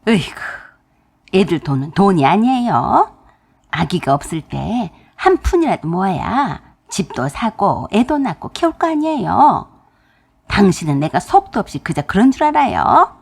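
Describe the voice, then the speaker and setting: Woman doing a stingy, nagging mother-in-law for radio drama; loud, animated, sharp. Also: medium pitch, a little slow, gravelly, slightly rough, full character voice. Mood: reproachful. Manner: scolding, sharp-tongued, shouting.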